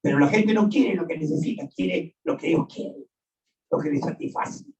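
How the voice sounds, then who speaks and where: A man's voice: a little high, moderate pace, darkish tone. A man preaching a sermon as pastor, emphatic and repeating his points, addressing listeners directly in an echoey church hall. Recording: echoey and distant, dull sound.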